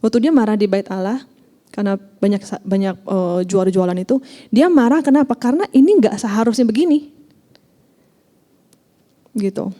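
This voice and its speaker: A woman's voice: medium pitch, moderate pace, long pauses. A woman giving a casual talk to a group, mixing English phrases into slangy speech full of fillers. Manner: animated when acting out examples. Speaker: church youth leader giving a talk.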